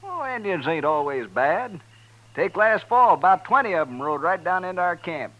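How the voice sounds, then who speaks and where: In a 1950s radio western, an American actor plays a talkative, hospitable buffalo hunter, his high, sing-song male voice drawling folksy, rustic speech at normal speed. The mood is chatty and folksy, and the recording sounds dull and band-limited, typical of 1950s radio.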